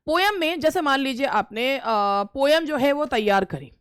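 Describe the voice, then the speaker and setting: A woman's voice: high-pitched, lively intonation, moderate pace, no echo. A middle-aged woman from India, giving casual instructional advice as a teacher, repeating phrases and hesitating often. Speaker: English teacher giving interview tips.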